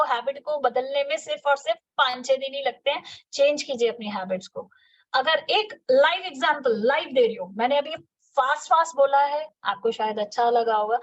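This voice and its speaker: A woman giving a fast, energetic motivational sales training talk, repeating her key words. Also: high-pitched. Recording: slightly dull lo-fi audio.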